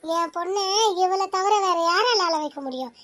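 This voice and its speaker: Cartoon mom, woman voicing, squeaky-high and combative, always scolding. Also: expressive, normal speed, bright, forceful tone, dry recording, full character voice. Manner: shrill, scolding, picks fights. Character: quarrelsome mother, defensive of her daughter. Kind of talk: cartoon voice acting.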